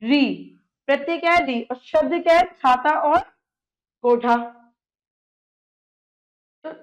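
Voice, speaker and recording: A woman's voice: high voice, lo-fi sound. A woman teaching a grammar lesson, patiently spelling out word endings syllable by syllable and asking her class questions she then answers herself. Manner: slow, patient, repeats syllables and asks rhetorical questions.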